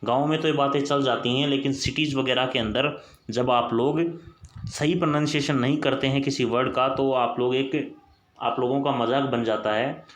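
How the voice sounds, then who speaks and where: A man's voice: medium pitch, steady tone, moderate pace. A man teaching English root words, repeating each point as a question he then answers himself. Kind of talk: Hindi screen-recorded lesson. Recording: echoey room.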